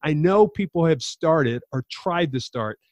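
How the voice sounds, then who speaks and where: An upbeat male podcast host with a fairly high voice and an enthusiastic, motivating way of talking. His sound is close and dry, with no room around it. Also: lively intonation, unhurried, darkish tone, dry recording. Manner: enthusiastic, pep-talk delivery. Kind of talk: podcast interview.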